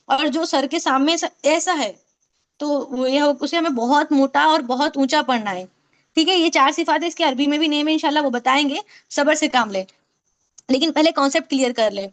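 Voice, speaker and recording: A woman with a high, light voice leads an online recitation class over a video call. She explains each point patiently and repeats sounds again and again so her students can drill them. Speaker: Quran recitation teacher.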